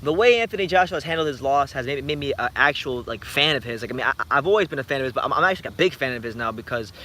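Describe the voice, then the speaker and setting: A man in his twenties hosting a boxing channel, chatting late at night and answering viewer comments in an animated, rambling way with many restarts. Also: mid-range voice, very fast, slight background noise. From United States. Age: 20s. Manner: animated, rambling, frequent repeated starts. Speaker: YouTube boxing channel host.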